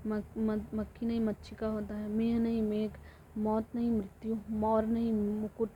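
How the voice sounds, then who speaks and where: A woman teaches an exam-prep lesson, running through word pairs in an almost completely flat voice and repeating each one as a drill. Her pitch sits in a middle range. The recording is dull and lo-fi, with a faint hiss underneath. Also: unhurried. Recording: dull lo-fi audio with faint noise.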